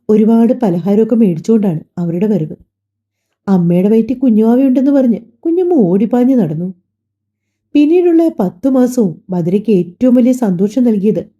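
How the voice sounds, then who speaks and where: A woman narrating an emotional family story, her voice very dark and mellow. She reads calmly and steadily, and the recording has a slightly dull, lo-fi sound. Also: mid-range voice. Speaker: audiobook narrator.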